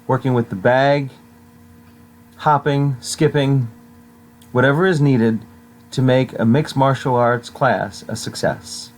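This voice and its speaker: A man hosting a show, reading a scripted feature in measured phrases. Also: medium pitch. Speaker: show host and interviewer.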